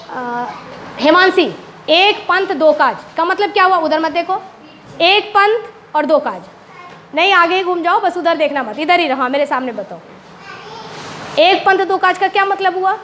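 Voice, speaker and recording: A woman teacher with a strikingly high voice walks her pupils through one example after another. She repeats each point and keeps checking that the class follows, over faint background noise in the classroom. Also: fairly bright tone. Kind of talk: classroom lesson explaining proverbs.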